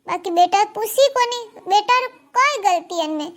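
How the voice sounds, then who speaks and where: Shrill old Marwari granny grumbling, voiced by a woman. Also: expressive, unhurried. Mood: complaining. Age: older. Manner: complaining, scolding. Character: grumbling old grandmother with four sons. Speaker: cartoon character. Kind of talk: cartoon comedy dialogue.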